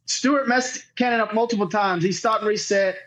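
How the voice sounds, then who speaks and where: Interviewed on a podcast, this cornhole player has a high, somewhat bright voice and a brisk delivery. His story comes out casually and meanders, laced with profanity and repeated quotes from others.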